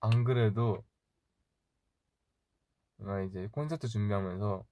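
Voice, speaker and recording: A man's voice: on the low side, no room sound. A young man in his twenties chatting casually on a livestream, answering fan comments with easy laughs and rambling stories. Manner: chatty, rambling, quick laughs, talks softly to himself. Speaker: idol livestream host.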